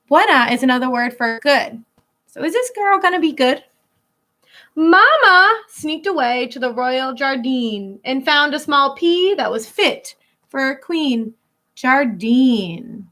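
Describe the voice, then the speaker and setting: In a high voice, a female schoolteacher reads a picture book to a group of children. She draws out the key words and pauses for explanations, keeping her delivery expressive and instructive.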